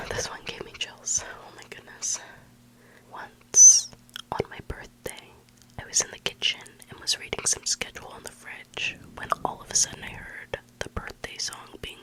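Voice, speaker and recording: Someone reading spooky bedtime stories as ASMR in an intimate, hushed whisper, very close to the microphone, with slow, lingering pauses. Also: rough recording.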